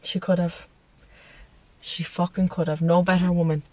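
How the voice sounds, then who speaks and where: A woman's voice: fairly low pitch, level tone, moderate pace, warm tone, no echo, recorded from a distance. A woman co-hosting a casual true-crime podcast, telling the story with frequent laughs and swearing. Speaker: podcast co-host. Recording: dry sound, set back from the mic.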